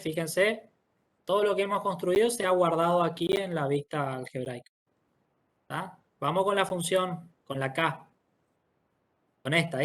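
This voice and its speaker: Patient teacher, step by step. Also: male voice, a little high, fairly bright tone. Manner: patient, explains step by step, checks in often with "¿sí?". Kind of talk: online class walkthrough.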